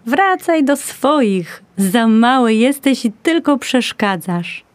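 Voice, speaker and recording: A woman's voice: on the high side, animated, slow pace, no room sound. A woman voicing a herd of working horses that mock a small pony, in a teasing, scornful tone.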